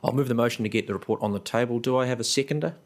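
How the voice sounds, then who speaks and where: A man with a New Zealand accent chairing a council committee meeting, running through motions in a brisk, businesslike way. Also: mid-range voice. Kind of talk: formal meeting procedure. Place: council chamber.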